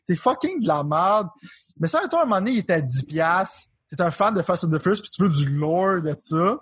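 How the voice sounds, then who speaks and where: Québécois male co-host, husky, a bit high, casual profane game talk. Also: animated, brisk, fairly bright tone. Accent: Québécois French. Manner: loose, profane, mixes English words into French. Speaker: podcast co-host. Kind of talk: casual chat about video games.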